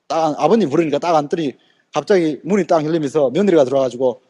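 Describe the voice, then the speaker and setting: A man's voice: fairly high pitch, fast. A man giving a motivational seminar talk, telling a story with fiery energy, acting out the people in it and asking his audience rhetorical questions. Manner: fiery, animated, acts out quoted people. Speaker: direct sales motivational speaker.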